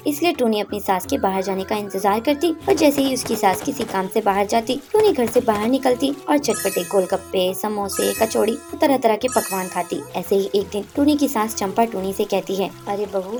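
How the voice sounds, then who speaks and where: Lively woman narrating a cartoon. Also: medium pitch. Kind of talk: scripted storytelling narration.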